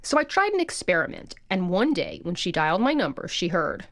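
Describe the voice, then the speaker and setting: A woman's voice: on the low side, big pitch swings, a little fast. A woman telling comic personal stories as a narrator. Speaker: storyteller.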